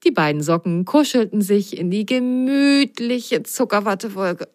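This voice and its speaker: Slow, expressive woman reading a bedtime story. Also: medium pitch, dry recording, studio quality. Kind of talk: reading a children's story aloud.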